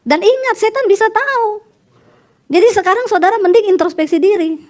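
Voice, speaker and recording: A woman pastor delivering a sermon in a high-pitched voice. She preaches with dramatic storytelling and acts out the voices she quotes. She drives her points home with forceful, punchy emphasis. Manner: forceful, punchy exhortation with sudden slow emphasis.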